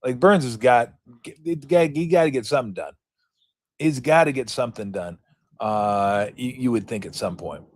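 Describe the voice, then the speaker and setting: A male sports talk host with a middle-pitched voice who rambles loosely and slips into jokey bits. His sound is dry and close, with no room around it. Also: normal speed, dry recording. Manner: rambling, jokey, acts out players in mock voices. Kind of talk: casual solo sports talk.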